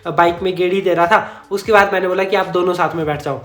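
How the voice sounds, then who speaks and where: A man's voice: high voice, fairly even intonation, fast talker, noisy background. A man vlogger telling a personal story in a chatty, rambling way, correcting himself and chuckling as he goes. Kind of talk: casual storytime narration. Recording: echoey room.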